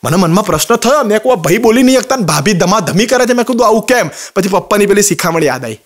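A young man with a Gujarati accent telling a comic story onstage, racing through quick anecdotes full of quoted dialogue. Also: high voice, expressive. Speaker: stand-up comedian.

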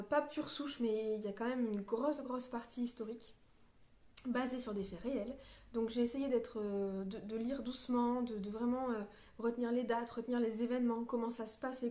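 A woman's voice: fairly high pitch, darkish tone, reverberant. Hesitant French-speaking woman reviewing a book. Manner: hesitant, searching for words with many fillers. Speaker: book vlogger. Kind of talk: casual book review vlog. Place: on a beach.

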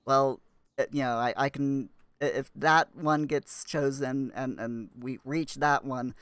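A man's voice: medium pitch, steady tone, unhurried, fairly bright tone, clean tone, no echo. A man chatting casually while live-streaming a game, rambling and restarting his sentences.

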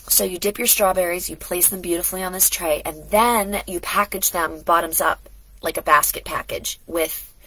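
A lifestyle vlogger, a middle-aged woman, talks casually at home in an indoor studio, rambling chattily with asides and restarts while slightly congested from a cold. Her voice sits on the low side, a bit bright and husky, and the audio is poor.

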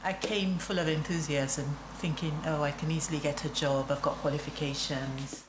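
A woman from Nigeria speaking calmly and reflectively in a documentary interview. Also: low-pitched, normal speed, noisy background. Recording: music clearly underneath.

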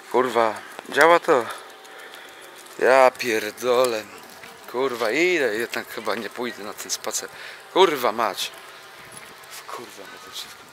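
A man's voice: mid-range voice, pushed and bright. A young man walking through a housing estate, filming himself on a handheld camera and grumbling with constant swearing. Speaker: vlogger. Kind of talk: rambling walking vlog monologue. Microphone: handheld camera while walking. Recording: faint outdoor noise. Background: outdoor ambience, a dog nearby.

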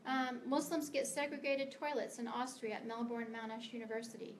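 A middle-aged woman from the United States speaks to a meeting as a guest author. Her voice sits a little high, and her delivery is earnest and emphatic. She sometimes stumbles and restarts her words, and faint noise hums underneath. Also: steady tone, brisk. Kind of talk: prepared speech to a meeting. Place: meeting room of a library.

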